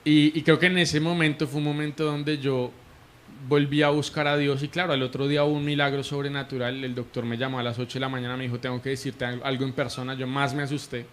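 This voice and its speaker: A man's voice: mid-range voice, flat delivery, fast, fairly bright tone, slight background noise. A man from Colombia with a Colombian Spanish accent, a prophet and interview guest, telling his faith testimony in an earnest, emotional way, often restarting his sentences. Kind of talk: conversational testimony.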